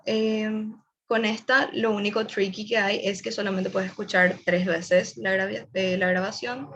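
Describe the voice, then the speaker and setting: A woman's voice: medium pitch, a bit bright, lo-fi sound, a little hiss or hum. A young woman gives a casual online webinar presentation, explaining tips and speaking directly to her audience. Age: young adult.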